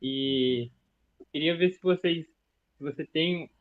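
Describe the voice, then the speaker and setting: A man practicing a cold call, hesitant and stumbling over his pitch. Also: slow. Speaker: mentee practicing a sales call. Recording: tinny phone-like sound.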